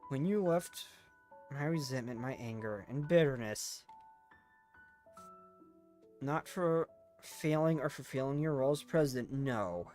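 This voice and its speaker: A man voicing a grave, regretful anime game heroine, reading the dialogue aloud in a solemn, halting way. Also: mid-range voice, animated, darkish tone, close to an everyday voice. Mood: bitter, sorrowful. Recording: music under the voice.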